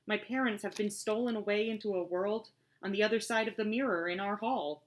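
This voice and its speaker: A woman's voice: medium pitch, a little fast, natural voice. Lady reading as a serious little girl, earnest, trying to sound grown up. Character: determined, serious young girl.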